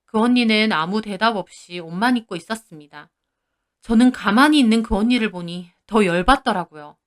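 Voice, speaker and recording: A woman's voice: medium pitch, fairly quick. A woman narrating her own story in the first person, retelling it dramatically and emotionally.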